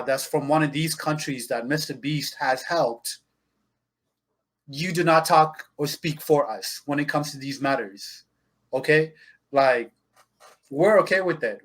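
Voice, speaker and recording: Passionate podcast co-host from Zimbabwe. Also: male voice, mid-range voice, a bit bright. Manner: emphatic, passionate, addresses listeners directly. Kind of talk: casual podcast chat.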